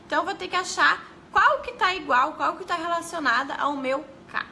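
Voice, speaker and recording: A woman's voice: extremely high pitch, a little fast, bright, forceful tone, a little hiss or hum. A woman teaching a live class about early literacy in a chatty way, talking straight to her viewers and often stopping to correct herself. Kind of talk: casual live-stream teaching.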